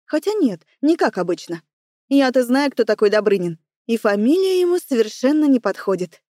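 A woman's voice: a little high, big pitch swings, normal speed, warm tone, dry recording. A woman narrating a first-person story in a wry, self-assured way, close to the mic. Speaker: audiobook narrator.

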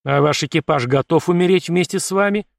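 Gruff admiral, man voicing him, audiobook, loud stern speech, higher than usual, dry close recording. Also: fast talker, no room sound. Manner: stern, grim, brusque. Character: gruff, grim male fleet admiral.

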